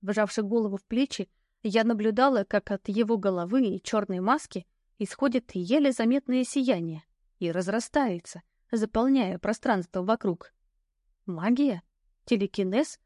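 A woman narrating a fantasy audiobook in the first person, with lively, ironic storytelling. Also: mid-range voice, moderate pace, dry recording, clean studio sound.

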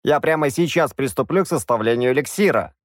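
A man's voice: medium pitch, animated, brisk, no room sound, clean studio sound, pitched above the performer's own voice, natural voice. A man voicing a hesitant, fussy old court wizard. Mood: eager.

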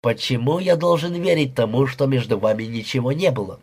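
A man's voice: mid-range voice, fairly quick, a little mellow, breathy edge. A man voicing a young jealous husband who sneers, insults and flies into rages, read aloud in an audiobook. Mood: sneering. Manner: sneering, explosive.

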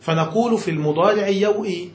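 In an echoey room with a bit of faint noise, a man with a high voice talks fast as he teaches Arabic grammar from a classic text. He reads passages out, explains them, and often asks his student if he's being followed.

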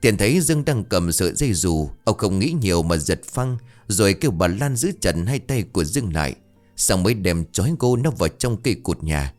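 A man narrates a ghost story with dramatic expression. His voice is low but moves widely in pitch. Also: big pitch swings, a little fast, a little mellow, faint music behind.

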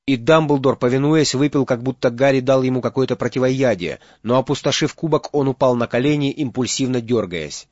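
A man reading an audiobook as narrator, in steady dramatic storytelling. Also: mid-range voice, fairly quick, few pauses, no echo, muffled recording. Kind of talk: scripted narration.

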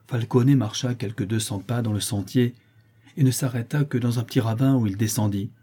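A man narrating a classic tale in a measured, storytelling way. His voice sits a little low, with a mellow, dark timbre and a husky edge. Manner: measured storytelling, voicing characters in dialogue. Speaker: audiobook narrator.

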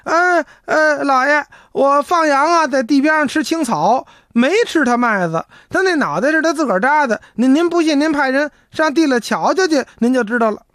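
A man playing a scared, shouting shepherd. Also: extremely high pitch, animated, moderate pace, hardly any pauses, no room sound, studio quality, pitched above the performer's own voice. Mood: defensive. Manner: loud, defensive.

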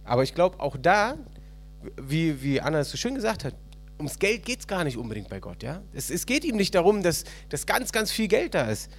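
A man preaching a sermon at a church service, retelling a parable with animated storytelling and questions to the congregation. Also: fairly high pitch, moderate pace. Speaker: pastor.

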